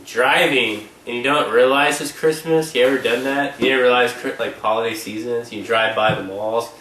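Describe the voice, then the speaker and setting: A man's voice: mid-range voice, normal speed, sharp tone. A man co-hosting a podcast, steering the chat with prodding questions and profane banter. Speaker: podcast co-host. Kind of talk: casual chat. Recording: echoey room, distant mic, faint noise.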